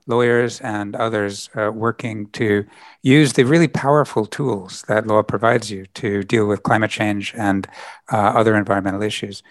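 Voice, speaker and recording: A man being interviewed as a podcast guest, explaining his work thoughtfully with frequent pauses. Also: lowish voice, no room sound. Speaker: podcast guest, environmental lawyer. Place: lives in Britain.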